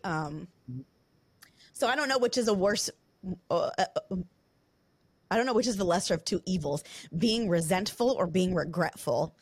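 A woman's voice: lowish voice, husky, dry recording. A woman hosting a podcast, talking openly and confessionally, tearful and close to crying, with many fillers. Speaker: podcast host. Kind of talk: candid podcast conversation.

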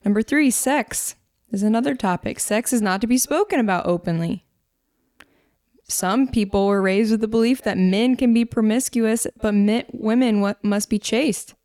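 A woman co-hosting a casual faith-based discussion, talking conversationally with fillers and quick asides. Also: fairly high pitch, darkish tone, no echo, clean studio sound. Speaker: podcast co-host.

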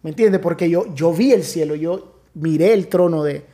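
Man, pastor guest, high mellow voice, earnest testimony storyteller. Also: normal speed. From Nicaragua. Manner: earnest storytelling, many restarts. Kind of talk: testimony in casual conversation.

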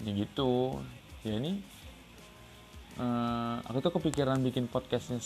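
A man's voice: medium pitch, unhurried, darkish tone, faint music behind. A man from Riau chatting casually about his travels for his podcast, rambling with many fillers and restarts. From Riau, Indonesia. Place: second-floor balcony outdoors.

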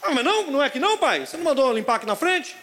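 Guy doing a clueless little boy voice, squeaky high and loud, echoey church. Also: very animated, rapid-fire, heavily acted. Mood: puzzled. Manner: high, protesting childlike voice. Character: young son, oblivious and earnest. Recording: reverberant church hall.

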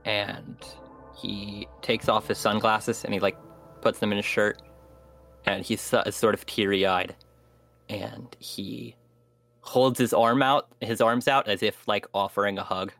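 A man's voice: fairly low pitch, fairly even intonation, measured pace, creaky, a bit bright, soft background music. A man narrating as game master, hesitant with many fillers.

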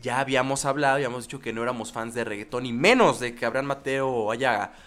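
A man's voice: mid-range voice, fast talker, fairly bright tone. A man with a Mexican accent co-hosting a podcast, chatting casually and teasing his co-host with playful jokes. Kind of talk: casual chat.

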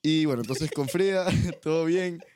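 A young man, a podcast guest telling animated, laughing stories in casual chat. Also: on the high side, normal speed, slight background noise. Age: young adult. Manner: animated storytelling, laughs often.

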